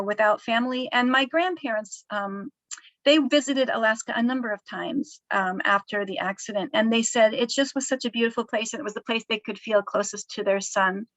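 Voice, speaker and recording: Soft-spoken woman author, halting. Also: a little high, no echo, muffled recording. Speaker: author discussing her book. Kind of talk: casual storytelling interview.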